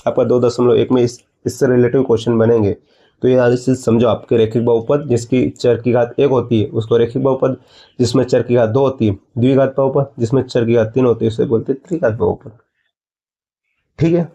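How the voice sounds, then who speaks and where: A man's voice: mid-range voice, steady tone, a little fast, warm tone, slightly rough, highs cut off. A man teaching a maths lesson, explaining step by step and asking his students questions before answering them himself. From India.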